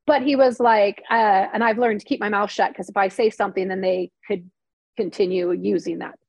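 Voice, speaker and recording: A middle-aged woman, once a TV news reporter and now a novelist, tells an emotional personal story in an interview, earnest and candid. Her mid-range, creaky voice keeps a steady tone at normal speed in a dry recording, and she chats freely, acting out quotes and leaning heavily on "like" and "you know."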